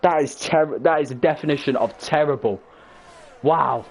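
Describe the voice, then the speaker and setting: A young man giving excitable, breathless live play-by-play for a sim-racing stream, his voice prone to cracking. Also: fairly high pitch, normal speed, creaky, slight background noise, poor audio. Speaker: race commentator.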